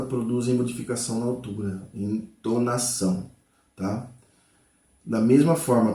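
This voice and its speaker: A man's voice: mid-range voice, a little mellow, reverberant. A man giving a casual guitar lesson. He names the notes aloud as he plays and keeps checking in with the viewer. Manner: explains patiently, constant "tá?" and "né?" check-ins. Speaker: guitar teacher. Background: guitar playing.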